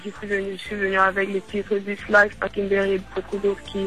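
A Cameroonian singer appears as a radio guest, speaking French with a foreign accent in a very bright, fairly even-pitched voice. Her answers are halting, and she repeats and rewords as she finds her way. Faint music sits behind her on a rough recording.

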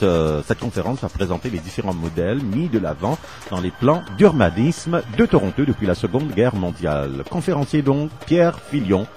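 Man, radio host, animated sing-song delivery, playful, theatrical, echoes words, faint music behind. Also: on the low side. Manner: playful and theatrical, echoes his own words, laughs often. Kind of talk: lively community radio hosting.

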